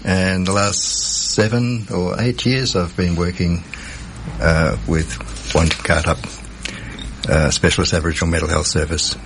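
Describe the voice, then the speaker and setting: A middle-aged man from Perth with an Australian accent, a social worker guesting on a studio radio interview, speaking in a measured, thoughtful way. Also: sits low, fairly even intonation, slight background noise. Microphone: studio mic.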